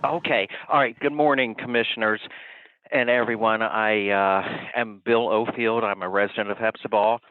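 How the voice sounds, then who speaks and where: A man speaking over the phone, giving halting, polite public comment at a county meeting. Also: fairly low pitch, fairly even intonation, smooth, no room sound. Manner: halting and polite, often trailing off. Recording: tinny dry phone line.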